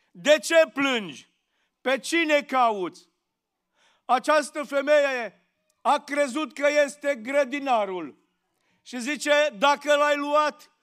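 A man preaching a sermon in a church, slow and emphatic, asking rhetorical questions. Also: extremely high pitch, a bit bright.

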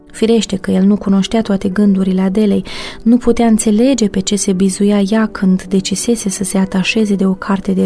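A woman narrating a novel as an audiobook in a steady, measured storytelling manner. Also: medium pitch.

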